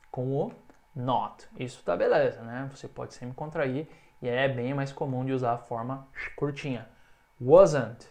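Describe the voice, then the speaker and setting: His voice mid-range, a man teaching English on video with a Brazilian Portuguese accent lengthens each example phrase for his student to echo.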